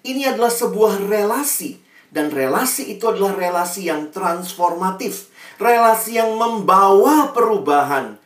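A preacher giving a sermon to an online congregation, telling stories with lively delivery and speaking directly to the listeners. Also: medium pitch, moderate pace. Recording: roomy sound, distant mic.

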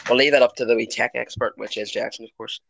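A man's voice: mid-range voice, steady tone, quick pace, gravelly, fairly bright tone, slight background noise. A man hosting a football podcast in a casual, chatty way. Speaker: podcast host. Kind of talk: casual chat, moderating a football discussion.

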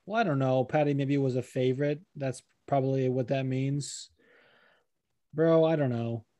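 A man's voice: mid-range voice, moderate pace, dark tone, no echo. A man hosting a podcast, chatting casually and rambling, swearing often. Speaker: podcast host.

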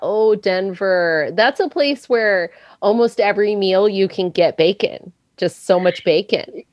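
A woman's voice: medium pitch, measured pace, darkish tone, dry recording, lo-fi sound. A woman hosting a podcast in a chatty, giggly, playful way. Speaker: podcast host. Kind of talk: casual chat.

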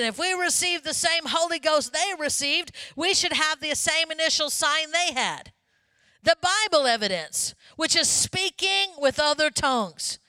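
Bright, high-voiced woman preaching. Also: dry recording. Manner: lively, conversational preaching with asides to the congregation. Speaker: pastor. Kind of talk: sermon.

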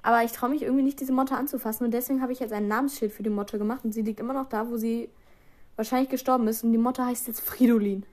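A woman's voice: fairly high pitch, fairly even intonation, quick pace, a little mellow. A teenage girl hosting a casual solo podcast, rambling and self-mocking with giggly asides. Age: teens. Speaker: podcast host.

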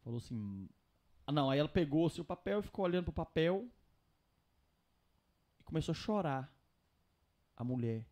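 A young Brazilian man, telling his story casually on a podcast in a slangy, animated way. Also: fairly high pitch, normal speed, long pauses.

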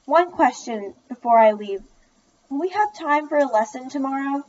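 A woman's voice: high-pitched, lively intonation, normal speed, darkish tone, muffled recording, pitched above the performer's own voice. A woman reading the lines of a deaf teenage girl who is eager and clings to her friend, in a plain read-aloud way. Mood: earnest.

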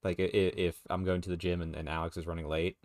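A man co-hosting a podcast, chatting casually, rambling with restarts and quick laughs. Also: low-pitched, flat delivery, a little mellow, dry recording, clean studio sound. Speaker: podcast co-host. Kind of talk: casual chat.

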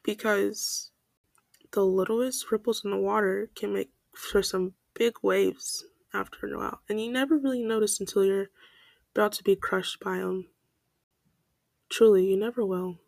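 A woman's voice: mid-range voice, steady tone, moderate pace, creaky, darkish tone, no room sound. Giggly, rambling young woman podcaster. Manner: scattered, self-deprecating, laughs often. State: stuffed-up nose. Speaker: podcast host. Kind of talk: casual rambling monologue. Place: bedroom. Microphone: home mic.

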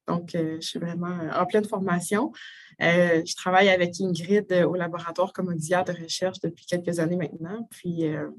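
A woman's voice: lowish voice, steady tone, moderate pace. A young woman in her twenties from Quebec with a Québécois French accent, a speech therapy master's student who introduces herself hesitantly, with many fillers.

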